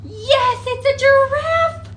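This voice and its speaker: A woman leads children through an interactive storytime as a librarian, speaking in a very high-pitched, slow voice. She's animated, with exaggerated wonder and coaxing questions.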